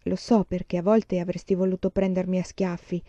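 A woman voicing a gentle, pious blind young woman who speaks softly and thoughtfully, on a slightly dull recording. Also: on the low side, level tone, brisk, no room sound, lightly acted.

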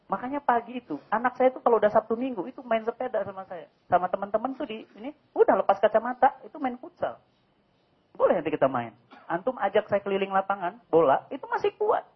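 A man, giving a lively sermon full of jokes and rhetorical questions. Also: extremely high pitch, breathy edge. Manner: animated, joking, asks rhetorical questions. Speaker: preacher. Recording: dull lo-fi recording.

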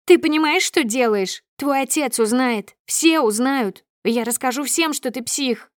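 A woman voicing a shrill, furious young wife. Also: unhurried, no echo, clean studio sound. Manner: shrieking, hissing threats. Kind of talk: audiobook character voice.

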